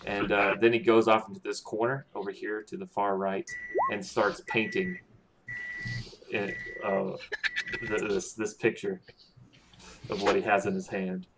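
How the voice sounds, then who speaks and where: A man narrating a tabletop game as game master, halting and full of restarts. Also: lowish voice, level tone. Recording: noisy with clicking.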